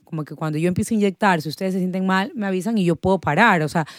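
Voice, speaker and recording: A woman's voice: lowish voice, no room sound, clean studio sound. A woman doctor in casual chat, joking about herself as a patient. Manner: fast, self-mocking, laughs at herself.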